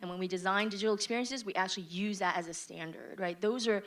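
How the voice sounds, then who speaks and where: A woman's voice: mid-range voice, fast talker, a bit bright. A woman in her forties speaks on a business panel. She explains her ideas in an orderly, point-by-point way and draws in the audience with questions. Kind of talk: panel answer.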